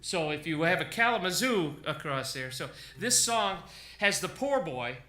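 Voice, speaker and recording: A man's voice: fairly high pitch, lively intonation, normal speed, pushed and bright. A man chatting casually between songs at a library show, rambling and correcting himself as he goes. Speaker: band member introducing songs. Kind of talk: casual stage banter. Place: library performance room. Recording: echoey room with live music.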